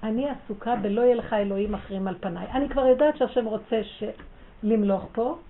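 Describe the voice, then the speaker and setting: A woman giving a religious lesson to women, fervent and emphatic, swinging from hushed pleading to loud urging. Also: fairly high pitch, a little hiss or hum. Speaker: religious teacher. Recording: tinny phone-like sound.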